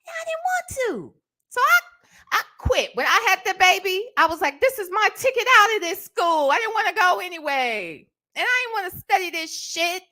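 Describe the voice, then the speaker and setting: A middle-aged woman from Ohio hosts a livestream storytime, chatting casually in a very high-pitched voice at normal speed. She's animated, emphatic and sassy, often tossing in tag questions to check in with the listener.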